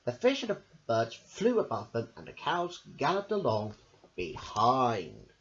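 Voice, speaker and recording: In an unhurried, hugely animated sing-song, a man reads a children's picture book aloud, his middling-pitched voice bounding up and down as he adds casual asides. The dull, lo-fi home recording carries a little hiss or hum.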